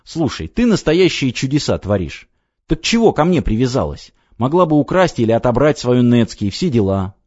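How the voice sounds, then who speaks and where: A man reading an audiobook voices an irritable middle-aged businessman, gruff and exasperated. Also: mid-range voice, big pitch swings, normal speed, a little mellow, dry recording. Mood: sarcastic. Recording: dry, slightly dull audiobook recording.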